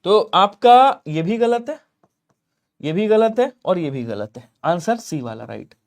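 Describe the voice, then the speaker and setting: A young adult man with a high voice teaches Hindi spelling in an exam-prep class. He talks in a lively way, quizzing his students and answering for them. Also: unhurried.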